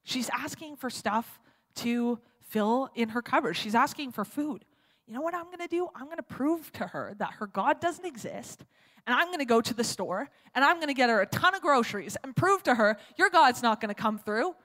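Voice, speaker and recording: A grumpy, skeptical neighbor man who scoffs and snaps in exasperation, as a woman preacher puts him on. The voice stays fairly high and echoes through a long hall reverb. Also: lively intonation, moderate pace, fairly bright tone. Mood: scheming. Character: grumpy skeptical male neighbor, middle-aged.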